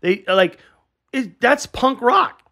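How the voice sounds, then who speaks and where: A man co-hosting a podcast in casual chat, excitable and swearing, laughing often. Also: extremely high pitch, takes it slowly. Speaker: podcast co-host.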